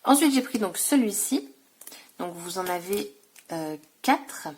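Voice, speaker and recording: A woman talks casually through a scrapbooking haul at a middle pitch. She rambles, fills pauses and corrects herself as she goes, with a faint noise floor under the recording. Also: animated. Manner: chatty, many fillers and self-corrections. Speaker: scrapbooking vlogger.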